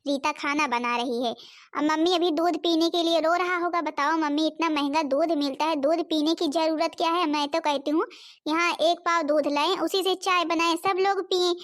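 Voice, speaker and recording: Woman doing a stingy bossy cartoon stepmom, very high voice, always nagging. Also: natural voice. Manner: scolding, complaining. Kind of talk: cartoon voice acting.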